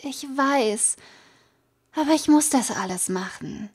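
A stressed, overworked teenage girl from a fan-made audiobook, read by a woman. Her voice is raised and high, and she sounds wound up. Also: expressive, slow, a little mellow, breathy edge, full character voice.

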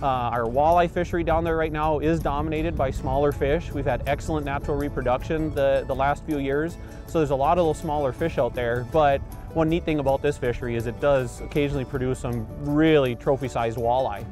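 Speaking over music, this fisheries biologist, a man in his forties, gives earnest, explanatory interview answers beside a river outdoors. His voice is on the high side, steady and brisk, and his speech is full of fillers and restarts.

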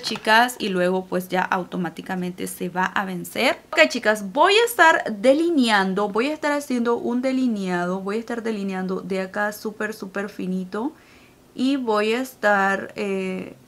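A woman's voice: mid-range voice, measured pace, fairly bright tone. Chatty woman walking through a makeup look. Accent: Salvadoran Spanish. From El Salvador. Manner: chatty, keeps addressing viewers as girls. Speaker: makeup vlogger. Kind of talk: casual makeup tutorial.

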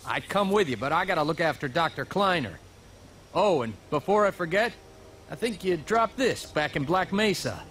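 An actor playing a friendly, urgent security guard ally in a dystopian video game, encouraging and warm. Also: male voice, fairly high pitch, lively intonation, normal speed. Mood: urgent, helpful. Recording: noisy game ambience behind the voice.

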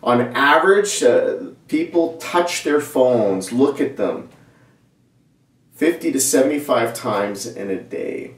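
Middle-aged male pastor, casual conversational sermon, mid pitch, recorded in a reverberant room from a distance. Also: takes it slowly. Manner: conversational, animated hand gestures, frequent restarts. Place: small church studio set, indoors. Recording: roomy echo, mic at a distance.

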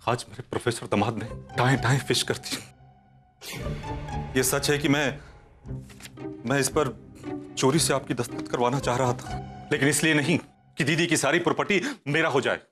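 An actor playing a sly, melodramatic uncle who stammers and pleads with theatrical self-pity, in a TV comedy drama with music underneath. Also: male voice, medium pitch, moderate pace, long pauses, close to an everyday voice. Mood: defensive. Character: sly middle-aged uncle, melodramatic schemer. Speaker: scheming uncle. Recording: background music under dialogue.

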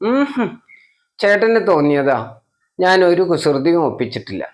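A man's voice: fairly high pitch, sing-song, normal speed, pitched above the performer's own voice. A man voicing a small, stubborn little boy who cries and pleads insistently. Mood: tearful, stubborn. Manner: whiny, insistent, tearful pleading.

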